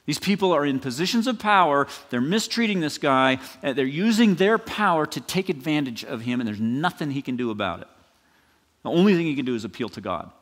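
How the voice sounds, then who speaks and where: Guy preaching a sermon, chatty and animated, kinda high voice, long church echo. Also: brisk. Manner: animated, conversational preaching with restarts and rhetorical "right?". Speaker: pastor. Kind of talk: expository sermon.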